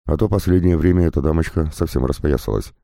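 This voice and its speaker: A man narrating a science-fiction audiobook in a steady, even-paced reading. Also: extremely low pitch, fast, gravelly, dry recording, clean studio sound. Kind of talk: scripted narration.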